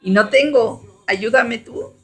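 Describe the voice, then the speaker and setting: A woman's voice: fairly high pitch, takes it slowly, fairly bright tone, slightly rough, faint music behind. A middle-aged woman gives an earnest religious testimony, often ending her phrases with tag questions. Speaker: testifying believer.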